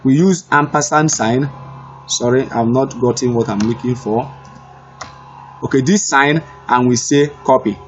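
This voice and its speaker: A man giving a screen-recorded web development lesson, unhurried and repetitive, thinking aloud as he types. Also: mid-range voice, highs cut off, soft background music. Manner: unhurried, repeats himself, thinks aloud while typing. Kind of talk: screen-recorded coding tutorial.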